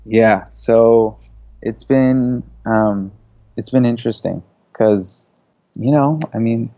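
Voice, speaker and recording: Speaking slowly in a warm, medium-pitched voice, a man in his thirties who was born in Saudi Arabia and grew up in the US guests on a casual interview as a media creative. His talk is loose and filled with "you know" and "like." The audio is dry and missing its highs.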